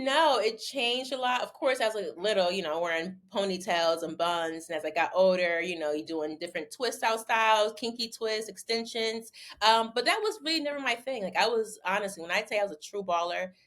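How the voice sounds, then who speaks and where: A young adult woman from Connecticut, a guest in a casual interview, telling animated stories and repeating words when she gets excited. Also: lowish voice. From Bridgeport, Connecticut. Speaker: interview guest, former basketball player turned model.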